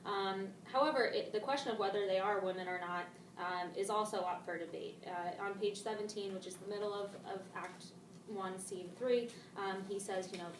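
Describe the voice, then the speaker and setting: A woman's voice: medium pitch, fairly even intonation, moderate pace. A woman teacher leading a casual discussion of a play, paraphrasing the text in everyday modern slang. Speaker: English teacher. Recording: roomy, distant mic, faint noise.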